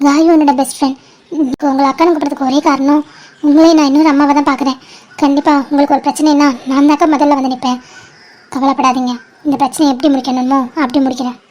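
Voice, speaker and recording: A woman voicing a bold, loyal young woman in an animated cartoon, earnest in one moment and cheekily teasing in the next. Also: high voice, natural voice. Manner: earnest and teasing by turns, fast-talking.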